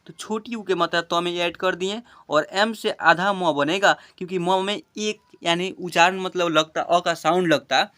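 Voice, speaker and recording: Bright-voiced man teaching spelling. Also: high-pitched, clean tone. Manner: explains step by step, often asks if students understood. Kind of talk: spelling lesson for children.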